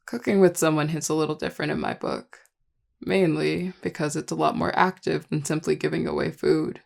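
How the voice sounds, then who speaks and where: A performer voicing a charming, affectionate vampire lover in an intimate audio role-play, teasing and tender in a relaxed, gravelly voice. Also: mid-range voice, fairly quick. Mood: tender, reflective. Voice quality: gravelly, heavy vocal fry. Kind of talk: intimate audio role-play, one-sided dialogue to listener.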